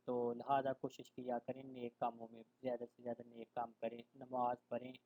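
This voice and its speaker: A man giving an online Quran reading lesson. He recites verses slowly and loudly, then explains softly and conversationally, mixing in English words. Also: mid-range voice, monotone, low-quality recording. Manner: mixes English words into his speech. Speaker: Quran teacher.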